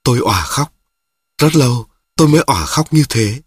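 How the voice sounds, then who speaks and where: A man narrating a first-person story in a plain, measured, somber way. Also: medium pitch, animated, husky, no room sound.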